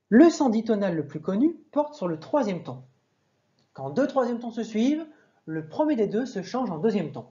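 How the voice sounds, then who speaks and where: A woman's voice: mid-range voice, warm tone, dull audio. A woman teaching a language lesson, patiently explaining and demonstrating sounds aloud, sometimes correcting herself mid-sentence.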